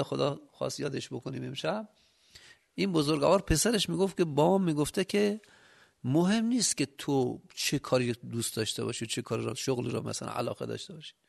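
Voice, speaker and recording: A man from Yazd with a Yazdi accent, giving a sermon with rhetorical questions and a loudness that rises and drops. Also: a little high, creaky. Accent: Yazdi Persian. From Yazd, Iran. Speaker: preacher.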